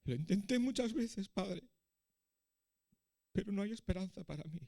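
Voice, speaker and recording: A man's voice: high-pitched, expressive, moderate pace, gravelly, dark tone, pitched above the performer's own voice. A man voicing an ashamed young prince, pleading and desperate. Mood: despairing.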